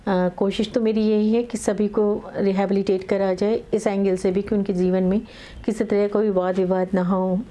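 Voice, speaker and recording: Middle-aged female advocate, interview guest; measured, pause-filled delivery, warm and dark in tone. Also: mid-range voice, little pitch movement. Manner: measured, many filler pauses, mixes English legal terms into Hindi. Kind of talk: explaining in conversational interview.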